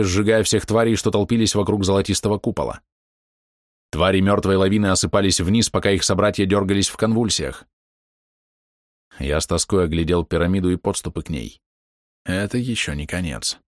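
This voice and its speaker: Deep-voiced man narrating an audiobook. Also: dry recording, studio quality. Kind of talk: first-person fantasy audiobook narration.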